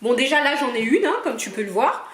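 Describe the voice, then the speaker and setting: A young Cameroonian woman chats through her viewers' questions, teasing them playfully. She talks a little fast in a high, sing-song voice, with slight hiss or hum in an echoey room.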